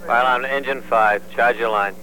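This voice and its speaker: A man working as a fire alarm dispatcher speaks at mid-range pitch, fairly quickly and with fairly even intonation. His urgent, terse, formal calls go out over two-way radio, each message repeated, on a very noisy emergency channel full of hum and radio noise.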